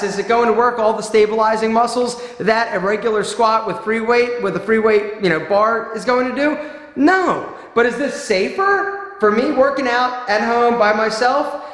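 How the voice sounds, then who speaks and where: A man in his forties talks animatedly in a fitness vlog, his voice on the high side. He presses his points with emphasis. The recording is roomy, with a long reverb off the bare walls of a small room. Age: 40s. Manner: animated, emphatic, gesturing broadly. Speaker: fitness vlogger. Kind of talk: home gym tour vlog. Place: small home gym room, indoors.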